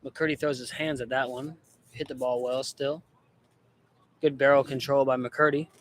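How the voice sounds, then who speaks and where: A young man calling amateur baseball play-by-play in a relaxed, chatty way, often correcting himself. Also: mid-range voice, moderate pace, slight background noise. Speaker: play-by-play announcer.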